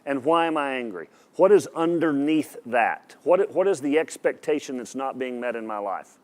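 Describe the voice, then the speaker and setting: A man's voice: mid-range voice, expressive, normal speed, darkish tone. A man preaching a sermon to an audience in a hall, emphatic and direct, often asking the listeners questions and repeating his words. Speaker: pastor.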